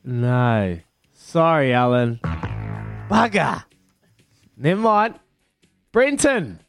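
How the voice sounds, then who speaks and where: Lively New Zealand radio quiz host, male. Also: mid-range voice, very slow, gravelly, soft background music. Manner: matey, repeats phrases. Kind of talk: casual radio phone-in quiz banter.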